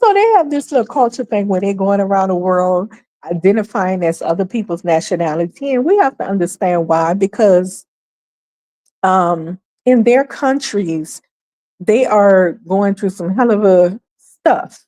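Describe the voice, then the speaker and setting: Animated woman hosting casual commentary. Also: a little slow. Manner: animated, laughs often, acts out quoted people in a higher voice. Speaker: livestream commentary host.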